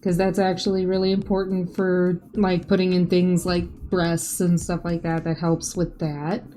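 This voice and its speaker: A woman's voice: fairly low pitch, monotone, moderate pace, warm tone. A woman hosting a drawing tutorial, talking in a casual, chatty voice-over with light self-joking asides. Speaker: art tutorial host. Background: faint background music.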